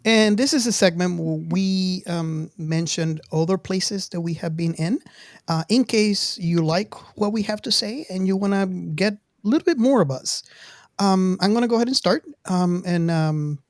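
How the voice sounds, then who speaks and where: A man hosts a podcast, chatting casually in a conversational way. His voice is high and his pace normal, captured as clean studio sound with no room echo.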